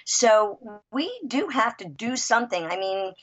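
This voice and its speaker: A woman in her sixties, a writer and guest, chatting in an interview, lively and emphatic, with frequent restarts. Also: fairly high pitch, measured pace. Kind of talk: casual interview chat. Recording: dull lo-fi audio.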